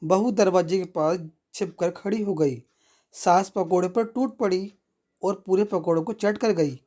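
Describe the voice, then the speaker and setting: A man narrating a moral story in a slow, even storytelling manner. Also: sits high.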